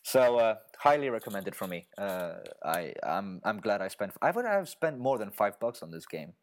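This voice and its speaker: Excitable young man chatting about games. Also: fairly low pitch, moderate pace. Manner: excitable, laughs often, says "like" a lot. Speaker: podcast co-host. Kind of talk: casual gaming chat.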